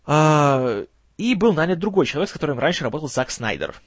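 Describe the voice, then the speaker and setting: With a tired, strained voice that can't get loud, this film news host delivers casual, gloomy commentary full of wry sarcasm and occasional stumbles. His delivery is sing-song and a little fast, recorded dry.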